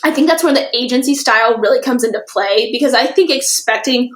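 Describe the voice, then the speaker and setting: A woman talks shop as a podcast guest, her voice sitting a bit high. She rambles through thoughts with plenty of fillers and breaks into laughter easily. The recording carries a noticeable room echo. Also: a little fast, fairly bright tone. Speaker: guest, social media manager and course teacher. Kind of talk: casual podcast conversation.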